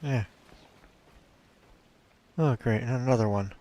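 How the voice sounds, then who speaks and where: A man's voice: mid-range voice, slow pace, mellow. A man giving casual gameplay commentary as a let's play host, thinking aloud and talking to his viewers.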